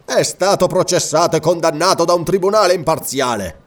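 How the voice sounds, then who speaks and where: A man's voice: a little fast, recorded from a distance, lightly acted. A man voicing a cruel, mocking Roman governor in an audiobook reading, haughty and gloating. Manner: haughty and gloating, high and loud.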